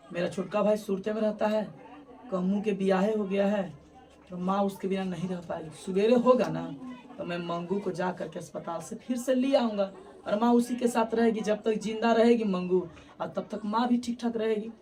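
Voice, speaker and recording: A woman voicing a worried grown son who quietly thinks over his plans. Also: normal speed, close to an everyday voice. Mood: musing. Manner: quiet, lowered, musing.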